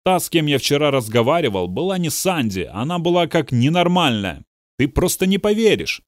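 An excited, emphatic man, as the narrator puts him on, his voice pushed up with eager energy. Dry, close audiobook reading. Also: a little high, brisk, dry recording, pitched above the performer's own voice.

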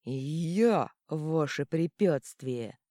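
Rich: A huge three-headed serpent monster from a storybook, boastful and greedy one moment and whining the next, as a woman puts him on. The voice is dark and mellow and recorded close and dry. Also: expressive, drawn-out words, no echo, heavily acted. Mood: menacing. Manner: booming menace turning to pleading.

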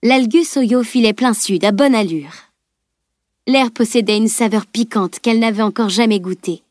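A woman reading a fantasy novel aloud as an audiobook narrator, at a steady, measured pace. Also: a little high, no room sound, clean studio sound. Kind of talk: scripted narration.

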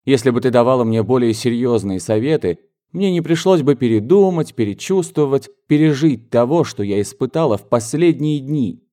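A man's voice: mid-range voice, normal speed, hardly any pauses, dark tone, voice pushed up, lightly acted. A man reading an audiobook, voicing a spirited young woman who reproaches her older sister. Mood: reproachful. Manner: heated, pleading reproach.

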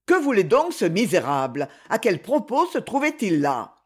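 A narrator voicing a shaken indignant young lord. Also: male voice, high-pitched, very animated, normal speed. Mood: indignant concern. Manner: trembling, indignant.

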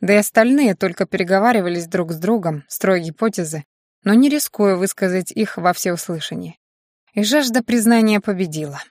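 A woman reading a fantasy story aloud in steady, scripted audiobook narration. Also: medium pitch, moderate pace, no echo, clean studio sound.

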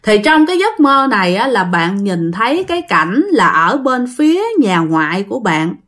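A woman's voice: mid-range voice, big pitch swings, moderate pace, fairly bright tone. A woman with a Southern Vietnamese accent narrating a ghost story casually, addressing her listeners.

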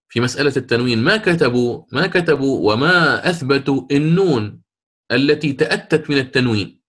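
A man's voice: mid-range voice, fairly bright tone. A man teaching a class, explaining patiently with rhetorical questions and frequent restarts. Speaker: Quran recitation teacher. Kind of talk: classroom lecture.

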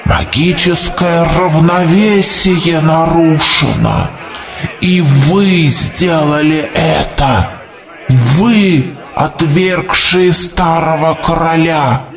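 A man voices an ancient grey-haired prophet for an audiobook, fairly high-pitched, creaky and dusty, with a distant mic and music underneath. The elderly prophet is fervent and doom-laden, preaching solemnly to a crowd and rising into shouts.

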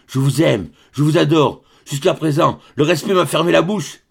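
A man's voice: fairly high pitch, normal speed, creaky, breathy edge. A man voicing a bold, ardent young male suitor declaring his love.

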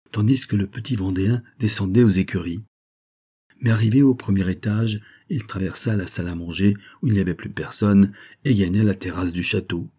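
A man with a low, mellow voice reads a classic adventure novel aloud. His tone is dark and a little husky, and he steps up in pitch whenever a character speaks. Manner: reads all characters, raising pitch for their lines. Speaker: audiobook reader. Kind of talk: scripted narration.

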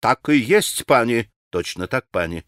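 A man voicing a haughty, touchy Polish gentleman who speaks Russian with a Polish accent in an audiobook. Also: mid-range voice, expressive, unhurried, no room sound, studio quality, voice pushed down. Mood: pompous indignant. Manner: pompous, haughty, indignant.

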